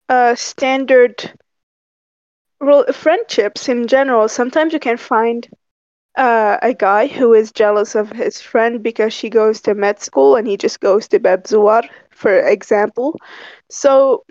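A young woman from Algeria, talking frankly and pausing to find words in a casual discussion. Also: fairly high pitch, a little mellow, dry recording. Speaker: discussion participant. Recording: dry, muffled lo-fi call audio.

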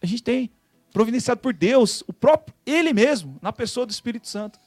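A man with a high, quick voice speaks in an animated, preachy way. The sound is close and dry. He keeps turning to his listener with "cara". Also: dry recording, faint music behind. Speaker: podcast host. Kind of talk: casual religious talk.

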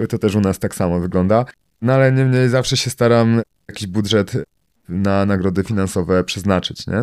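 A man talks loosely as a podcast guest, wandering through his points with fillers and tag questions. His voice sits very low and is smooth and resonant. The sound is close and dry. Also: a little mellow, no echo. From Poland. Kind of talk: casual podcast conversation.

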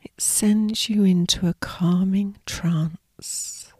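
A woman narrating a scripted sleep story as a guided meditation, in a breathy, hushed, soothing whisper. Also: mid-range voice, fairly even intonation, drawn-out words, no echo, clean studio sound.

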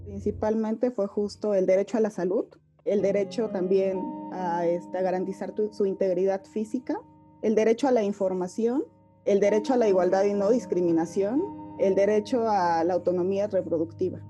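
A woman's voice: mid-range voice, steady tone, moderate pace, dark tone, faint music behind. A woman, an expert explaining rights in an interview, listing points one by one.

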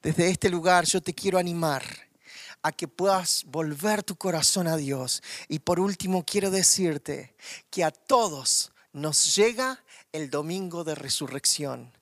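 Fervent Rioplatense preacher, dry close voice. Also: male voice, fairly high pitch, measured pace, no echo. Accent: Rioplatense Spanish. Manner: fervent, swings from loud to hushed. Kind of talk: online Easter sermon.

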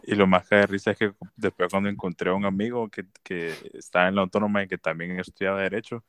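A young man, rambling in casual podcast chat and leaning on the same fillers again and again. His voice is very deep. The recording is dry and close. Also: fairly even intonation, fast talker, fairly bright tone, clean tone, no room sound. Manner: rambling, repeats fillers often. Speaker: podcast co-host.

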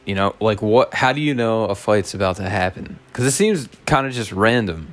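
A man with a raspy, hoarse smoker's voice chatting casually as a solo podcast host, laid-back, slangy and sweary. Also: on the low side, lively intonation, normal speed. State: hoarse after a night out.

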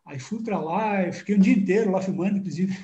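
High-voiced Brazilian man telling stories. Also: quick pace, reverberant, lo-fi sound. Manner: rambling, repeats words, animated storytelling. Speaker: guest filmmaker. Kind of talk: casual interview chat.

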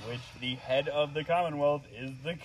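A man with a fairly high voice chatting casually with friends on a poolside podcast. He keeps his replies brief and laid-back, with faint outdoor noise behind him. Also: moderate pace, poor audio. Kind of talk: casual chat among friends.

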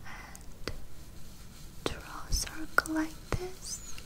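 A woman doing a whispered role-play as a dental hygienist, speaking in a gentle, reassuring, soothing manner to a patient. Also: high voice, level tone, very slow.

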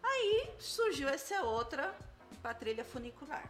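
A woman tells a story among friends in an animated, bouncy voice. She laughs easily and slips into the voices of the people she describes. Her voice sits a little high, with music clearly heard behind it. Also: measured pace. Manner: animated, laughs often, acts out what others said. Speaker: storyteller in a group conversation. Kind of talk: casual storytelling chat. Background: background music.

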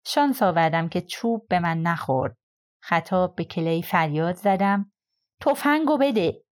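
A woman reading a crime novel aloud as an audiobook, with measured, steady storytelling. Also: fairly low pitch. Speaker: audiobook narrator. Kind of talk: scripted narration.

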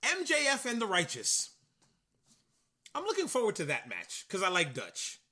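A man co-hosting a casual wrestling podcast, acting out matches and promos with sudden loud bursts. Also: sits high, huge pitch swings, moderate pace. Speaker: podcast co-host.

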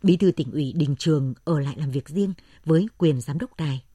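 A woman's voice: low voice, brisk, dark tone, breathy edge, no room sound. A woman radio announcer narrating a serial novel, reading out both the story and its dialogue. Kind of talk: scripted audiobook narration with dialogue.

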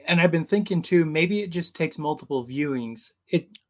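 A man's voice: fairly high pitch, expressive, normal speed. A man hosting a podcast in casual chat, easygoing and hedging his opinions. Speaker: podcast host.

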